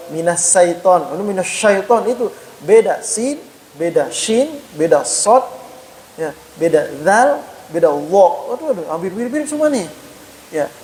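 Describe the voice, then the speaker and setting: A man giving a mosque study lecture, chatty and addressing listeners as sir, saying "ya" after nearly every phrase and slowly demonstrating Arabic letter sounds. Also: fairly high pitch, darkish tone, slight background noise, rough recording. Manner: punctuates phrases with a frequent "ya"; conversational, addresses listeners as "Pak". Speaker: Islamic teacher.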